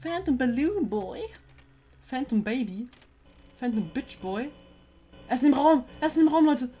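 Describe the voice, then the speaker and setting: A woman commenting on a horror game as she plays, her voice sitting fairly high. She is jumpy and excitable, often swearing and coaxing the creature on screen. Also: moderate pace, faint music behind. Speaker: let's player.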